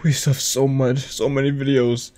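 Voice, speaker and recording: A man's voice: medium pitch, flat delivery, normal speed, a little mellow. A young man giving casual, incredulous reaction commentary in short exclamations, close-miked in a small padded room. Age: young adult. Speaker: host of a reaction show. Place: small foam-padded home studio.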